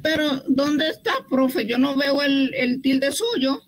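A woman's voice: sits high, expressive, measured pace, low-quality recording. A woman taking a language class, hesitantly repeating words after her teacher. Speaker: student.

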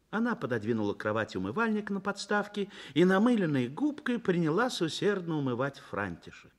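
Narrating a Soviet radio drama, a man with a voice on the high side acts as an earnest literary storyteller. He is expressive and measured, swelling at moments and then dropping to a hush.

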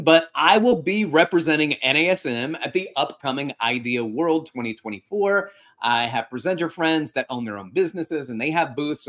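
An animated man, a podcast host and fitness instructor, gives casual instructional talk in a home room with a couch and art. With a mid-range voice, he gestures a lot and keeps restarting his sentences.

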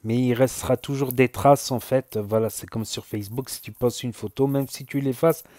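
A man with a southern French accent, a YouTuber talking casually to his viewers in a halting way, often repeating himself and using fillers. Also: mid-range voice, fairly even intonation, mellow, dry recording, clean studio sound. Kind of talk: casual spoken commentary.

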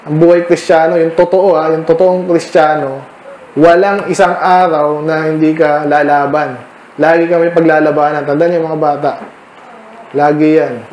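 Male Filipino pastor, fairly high voice, conversational teaching style; echoey church room. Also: flat delivery, normal speed, a little mellow, slight background noise. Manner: conversational, quizzing listeners by name. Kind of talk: midweek Bible study sermon.

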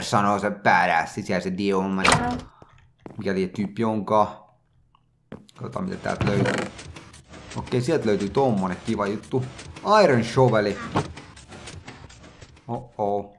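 A man's voice: medium pitch, slight background noise. A man giving casual, joking let's play commentary, reacting aloud to everything he finds in a game. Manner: chatty, joking, reacts aloud to what he sees. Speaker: gaming channel host.

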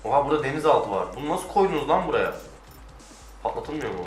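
A man giving casual let's-play commentary, excitable, swearing and shouting at the game. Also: mid-range voice, fast. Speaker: gamer. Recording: roomy, distant mic with faint music.

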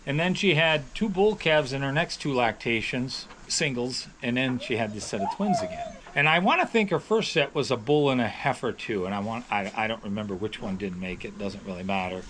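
A man's voice: medium pitch, expressive, brisk, few pauses, fairly bright tone, a little hiss or hum. A middle-aged man, a dairy farmer, telling stories in a casual, rambling way, with many restarts. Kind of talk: casual storytelling. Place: on a farm, near calves.

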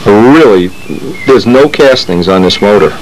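Over soft background music and poor audio, a man with a lowish, expressive voice speaks at a measured pace. He hosts a model airplane channel from his home workshop, rambling casually as he shows parts and often restarting what he says.

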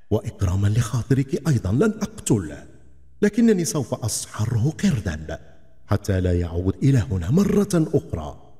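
A man's voice: lowish voice, dark tone. A man voicing an angry male ifrit in a storybook tale, commanding and threatening. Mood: stern. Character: furious towering male ifrit, jealous and cruel. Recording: long reverb, faint background music.

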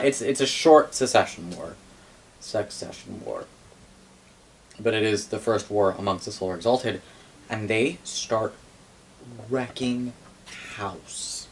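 Recounting game lore, this young man's lowish voice comes through a rough recording made by a camera a few metres off in a living room. He tells the story offhandedly, with wry humour and swearing, over noticeable background noise.

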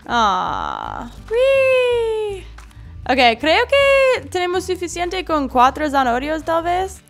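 Young woman, for relaxed gameplay commentary; high, animated delivery, talks to creatures, squeals when startled. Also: slow pace, creaky. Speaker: gaming video creator. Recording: faint background game music.

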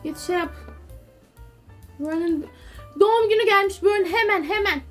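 A woman's voice: very high-pitched, normal speed, faint music behind. A young woman giving casual gameplay commentary, chatty and exasperated, scolding the characters on screen. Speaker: gaming YouTuber.

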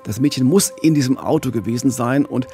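Talking fairly quickly in a mellow, medium-pitched voice, a middle-aged true-crime podcast co-host walks through a case in a relaxed way. He's in a small studio on a close condenser mic with a pop filter, with faint music in the background.

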